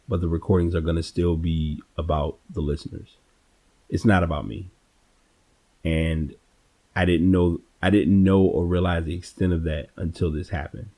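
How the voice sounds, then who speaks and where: Hosting a solo podcast, a man speaks casually and reflectively without a script, often halting and repeating words. His voice is deep, husky and mellow.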